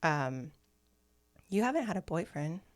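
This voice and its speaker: Woman cohost, lowish voice, teasing and sarcastic, studio chat. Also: very animated, unhurried, no room sound. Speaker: podcast co-host. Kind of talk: casual chat.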